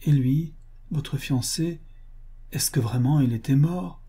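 A man's voice: medium pitch, takes it slowly, mellow, husky. A man voicing a frontiersman in an audiobook, asking urgent, curious questions. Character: Bill Cody, eager young frontiersman.

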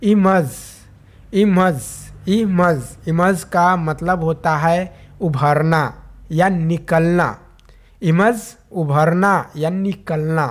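A young man teaching English vocabulary in Hindi, saying each word several times before giving its meaning. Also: fairly high pitch. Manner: repeats each word slowly, then gives its meaning. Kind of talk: vocabulary lesson.

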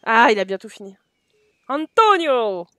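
A French woman streaming a life-sim game live, chatting with her viewers and fondly talking to her characters, sometimes switching into halting English with a French accent. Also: fairly high pitch, expressive, no echo. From France.

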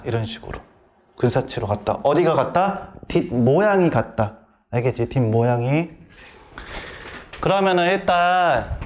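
This classroom grammar lecture comes from a middle-aged man whose voice runs on the high side; he fires off quick questions and answers them himself. The recording carries a little hiss or hum.

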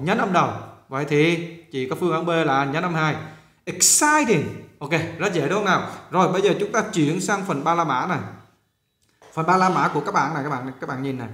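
A male teacher walking through an exam and drilling pronunciation by repeating words slowly. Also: fairly high pitch, fairly bright tone, reverberant. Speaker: English teacher. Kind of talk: exam walkthrough lesson.

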